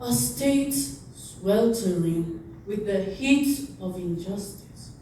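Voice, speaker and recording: A woman giving an impassioned, oratorical recitation of a famous speech, with deliberate pauses and repetition. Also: mid-range voice, expressive, dark tone, slight background noise. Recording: very echoey, distant from the mic.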